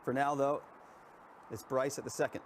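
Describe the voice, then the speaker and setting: A man's voice: mid-range voice, steady tone, normal speed, slight background noise. A man anchoring live golf coverage as the lead announcer. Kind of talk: golf commentary, hosting the coverage.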